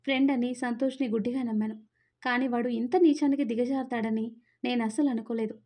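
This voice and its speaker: A woman's voice: fairly high pitch, steady tone, quick pace, warm tone. A woman voicing a hurt young wife in a storybook reading, tearful and pleading.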